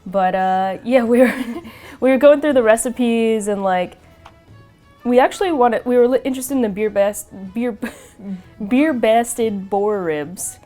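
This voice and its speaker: A woman with a New York accent co-hosts a casual podcast chat, rambling, laughing and giggling often, with plenty of fillers and restarts. Her voice is warm and on the high side, she talks a little slowly, and faint music plays behind her.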